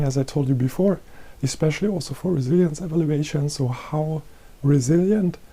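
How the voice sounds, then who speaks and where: A middle-aged man giving a recorded presentation as head of a research chair, explaining calmly and repeating himself. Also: fairly high pitch, vocal fry. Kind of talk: presentation lecture. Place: green-screen studio.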